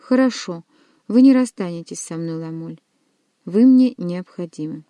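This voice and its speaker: A woman's voice: lowish voice, lively intonation, a little slow, warm tone, no echo. A woman voicing a young queen who teases and reproaches her lover. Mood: tender. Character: young queen, teasing and commanding.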